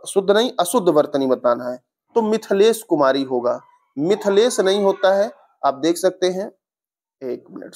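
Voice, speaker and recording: A man's voice: a little high, a little mellow. A young male teacher walking through exam spelling answers step by step in an online lesson, often correcting himself mid-sentence.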